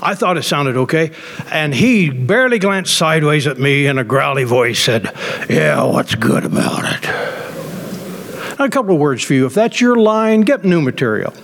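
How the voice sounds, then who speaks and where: A man's voice: a little high, big pitch swings, fairly quick. A middle-aged man preaching a sermon as a pastor, telling a story emphatically with many fillers and restarts. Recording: long reverb.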